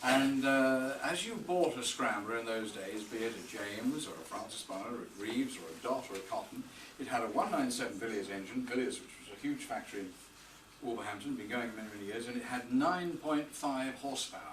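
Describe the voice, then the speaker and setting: In a noisy hotel reception room, captured from afar with a roomy sound, an older man gives an after-dinner birthday tribute. He speaks a little fast at medium pitch, telling anecdotes with dry humour at the pace of a storyteller.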